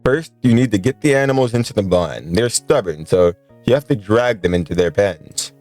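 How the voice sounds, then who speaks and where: A man voicing a kindly, joking old grandfather in a visual novel with a slow, deliberate old-man voice. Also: on the low side, lively intonation, darkish tone, soft background music, lightly acted. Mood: instructive.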